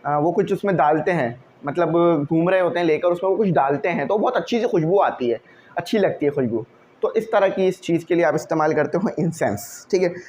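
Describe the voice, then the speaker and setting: A man teaching an English vocabulary lesson, who explains each word slowly, checks in with "okay" and puts questions to the class. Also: fairly high pitch, darkish tone, slight background noise.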